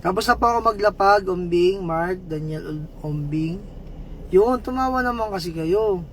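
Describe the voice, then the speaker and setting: A man livestreaming, chatting with viewers, giving shoutouts and telling a joke story in a casual, playful way. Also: high voice, normal speed, a little hiss or hum. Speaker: livestream vlogger.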